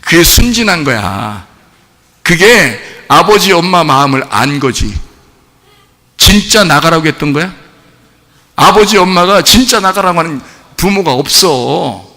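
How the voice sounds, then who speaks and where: A male pastor preaching a sermon, animated, with rhetorical questions, swinging between shouting and low asides. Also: measured pace, pauses often. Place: church sanctuary. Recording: long church-hall reverb.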